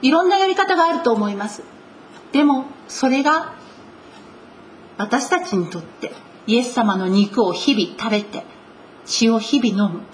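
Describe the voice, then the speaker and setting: A woman delivering a sermon in an earnest preaching manner, stressing key words slowly. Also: fairly high pitch, a little hiss or hum. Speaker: pastor.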